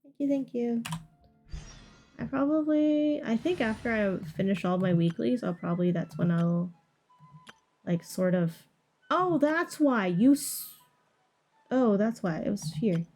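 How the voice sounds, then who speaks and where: Livestreaming a game, a woman chats casually and ramblingly with her viewers while game music plays behind her. Her voice sits on the high side with a dark tone, a little slow, with long pauses.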